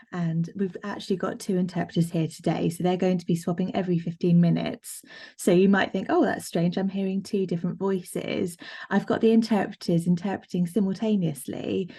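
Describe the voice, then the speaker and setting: A woman interpreting a live presentation aloud over a video call, plain and explanatory, in halting phrases. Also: on the low side, dark tone. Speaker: sign language interpreter voicing a presenter.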